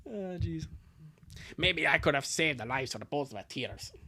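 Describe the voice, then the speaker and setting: Reading fan fiction aloud on a livestream, this streamer has a bright, forceful mid-range voice, lively intonation and a moderate pace. He comments sarcastically and with exasperation, throwing in crude jokes and breaking into outbursts in a comic live reading.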